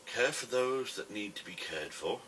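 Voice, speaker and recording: A British man with a smoker's rasp, rambling casually to camera in a wry, self-deprecating way. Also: fairly low pitch, animated, moderate pace, pushed and bright. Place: a room at home, alone. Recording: distant camera mic with faint noise.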